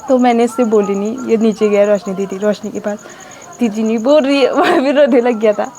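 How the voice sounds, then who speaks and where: Chatty young woman vlogger, slightly high voice. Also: fairly quick, a little hiss or hum. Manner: chatty, talks along while working; playful teasing, louder and higher with family. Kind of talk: casual cooking vlog narration.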